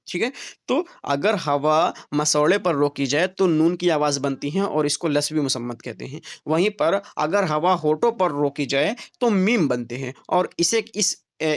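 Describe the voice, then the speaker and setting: A young man teaching an exam-prep class in a slightly raised voice. He moves through the material one step at a time and keeps pausing to check that his students are following. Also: fairly high pitch. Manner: explains step by step, keeps checking in with "theek hai".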